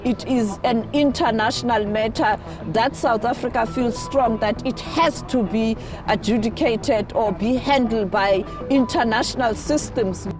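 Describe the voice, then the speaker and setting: A woman's voice: a little high, a little slow. A woman doing live news reporting outside a court. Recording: music bed under the voice.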